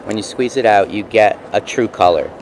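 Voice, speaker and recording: A man with a New York accent casually explaining and demonstrating craft products, pausing mid-sentence as he works. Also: lowish voice, a little mellow. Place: busy convention booth. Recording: noisy trade show floor background.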